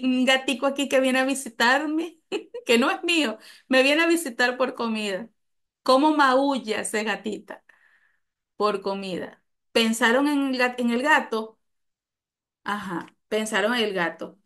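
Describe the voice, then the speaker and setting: A woman's voice: fairly high pitch, a bit bright. A woman with a Venezuelan accent giving a live online talk, explaining patiently, repeating key phrases and asking her audience questions.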